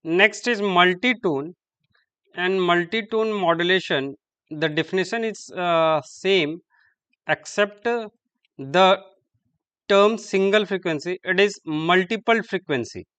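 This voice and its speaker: A man giving a classroom lecture, halting and repeating terms as he writes on the board. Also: high-pitched, bright, forceful tone, smooth.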